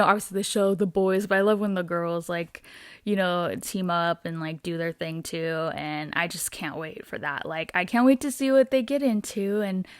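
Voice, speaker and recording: A woman's voice: mid-range voice, fairly bright tone, no echo, clean studio sound. A young woman hosting her weekly entertainment show, gushing in a casual, bubbly way with lots of "um" and "like". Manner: bubbly and gushing, many fillers like "um" and "like". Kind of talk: casual fan commentary.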